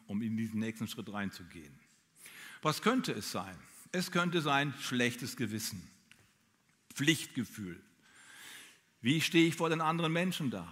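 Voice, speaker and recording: A man preaching a sermon, talking straight to his listeners in an animated way. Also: medium pitch, a little slow, long pauses, big-room sound. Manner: animated, addresses listeners directly. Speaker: pastor.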